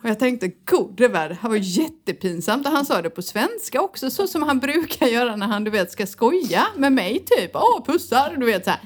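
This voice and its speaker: Her voice is a little high and sing-song, and she barely pauses as she talks. She's a middle-aged podcast co-host chatting casually, telling stories with animation and laughing a lot.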